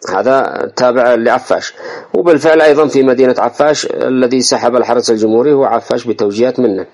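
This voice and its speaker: A man with a Yemeni accent reads out an interview and breaks in with his own commentary, insistent and emphatic. He speaks quickly at a medium pitch and addresses his listeners directly as he makes his points. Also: darkish tone. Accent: Yemeni Arabic. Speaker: political commentator. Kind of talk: reading an interview aloud with commentary.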